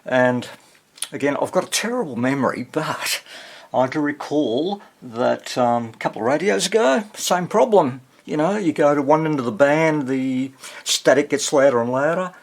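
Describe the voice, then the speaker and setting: A vintage radio restorer gives informal, hands-on repair commentary, hesitant and self-deprecating as he thinks aloud while working. His fairly high, creaky voice is expressive at a moderate pace, captured on a noisy workshop recording with clicks.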